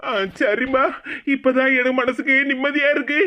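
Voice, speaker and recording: A woman's voice: high-pitched, level tone, moderate pace, pushed and bright. A woman voicing a hungry, weepy young husband in a cartoon, whining and self-pitying. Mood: relieved.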